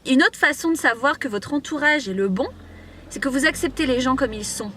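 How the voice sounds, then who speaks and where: A woman's voice: high-pitched, expressive, a little fast, a bit bright, slight background noise. A young woman from Mauritius giving casual life advice to camera from inside a parked car, chatty, with many fillers and restarts. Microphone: camera on a tripod.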